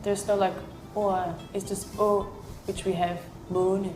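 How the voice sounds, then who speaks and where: A woman's voice: medium pitch, flat delivery, a little slow. Danish-accented woman explaining sounds. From Denmark. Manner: explanatory, filler-heavy. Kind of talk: casual chat. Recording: echoey room with music behind.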